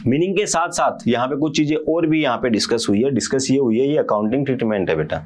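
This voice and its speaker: A man's voice: mid-range voice, fast, darkish tone. Male teacher, young adult, casual lecture, storytelling, playful quoted voices, frequent check-in questions. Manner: acts out partners' quarrels with a CA in quoted voices; checks in often with repeated questions. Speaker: commerce teacher.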